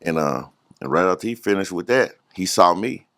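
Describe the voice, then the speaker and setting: A man with a Dallas accent, a podcast guest telling stories in a slow, laid-back way and acting out the people he quotes. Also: low-pitched, lively intonation, vocal fry, a bit bright, dry recording, studio quality. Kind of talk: storytelling in a podcast interview.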